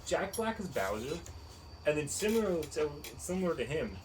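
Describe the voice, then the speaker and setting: Animated podcast co-host, expressive man. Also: fairly high pitch, normal speed, slight background noise, low-quality recording. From United States. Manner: animated, incredulous, laughs often. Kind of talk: casual chat.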